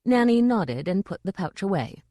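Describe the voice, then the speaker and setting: A woman narrating an audiobook in a measured, dry reading style. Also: medium pitch, sing-song, warm tone, no echo. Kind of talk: scripted narration.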